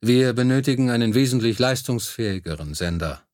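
A man voicing a thoughtful, patient male leader in an audiobook, speaking in a measured, deliberate way. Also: medium pitch, lively intonation, a little mellow, no room sound, studio quality, close to an everyday voice.

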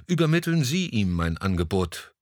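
A man's voice: on the low side, big pitch swings, moderate pace, darkish tone, no room sound, studio quality. A man reading an audiobook, voicing a vain, silver-haired gallery owner who grumbles and talks down a little. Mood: testy. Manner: grumbling, mildly condescending. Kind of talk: audiobook dialogue.

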